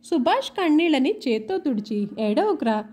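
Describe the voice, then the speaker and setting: A woman narrating a romantic family story in an expressive, emotional storytelling manner. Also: high-pitched, normal speed, slightly rough. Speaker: audiobook narrator.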